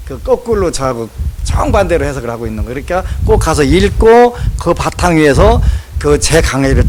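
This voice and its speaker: A man giving a Buddhist dharma talk in a temple hall, folksy and lively, acting out scolding asides. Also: on the high side, a little hiss or hum. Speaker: monk preacher.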